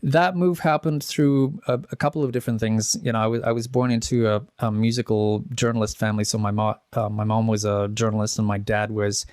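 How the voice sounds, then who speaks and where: A man's voice: lowish voice, steady tone, a little fast, hardly any pauses, a little mellow, clean tone, no echo, studio quality. A man in his forties from the Czech Republic, a guest in a casual interview, rambling and restarting with chuckles. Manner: rambling, self-correcting, chuckles at his own stories. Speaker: interview guest, pianist and composer.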